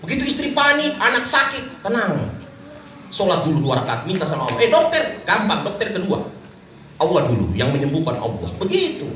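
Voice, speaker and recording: A man preaching a sermon, telling a story with lively acted voices and low asides. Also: fairly quick, slight background noise. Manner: animated, swings between high acted voices and low asides. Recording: echoey, distant hall recording.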